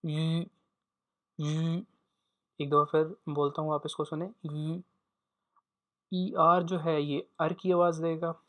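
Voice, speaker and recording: A man teaching a pronunciation lesson, saying each sound slowly and repeating it for learners to copy. His first language is Urdu. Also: on the high side, flat delivery, a bit bright. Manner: slow, deliberate, repeats each sound for practice.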